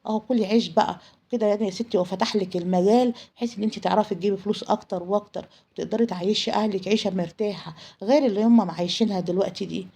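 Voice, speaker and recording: A woman's voice: mid-range voice, fairly even intonation, very fast, creaky, dark tone, slightly rough. A woman reading a cynical Egyptian café owner. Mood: dismissive. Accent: Egyptian Arabic. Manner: matter-of-fact, dismissive.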